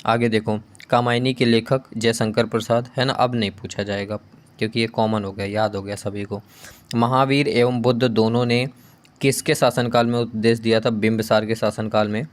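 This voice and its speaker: A man's voice: mid-range voice, steady tone. Man teaching a GK quiz. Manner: reads question then answers, adds quick asides. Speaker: exam coaching teacher. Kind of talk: quiz-style GK lesson.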